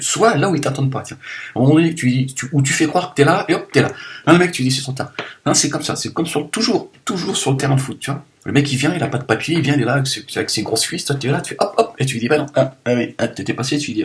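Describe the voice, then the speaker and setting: A man talking straight to his viewers in a loose, rambling monologue, joking and swinging between loud bursts and low mumbles. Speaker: video blogger.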